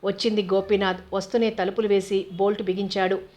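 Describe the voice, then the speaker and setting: Woman narrating a novel in an even tone. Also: mid-range voice, fairly quick. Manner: steady, even reading. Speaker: audiobook narrator. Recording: dull lo-fi recording.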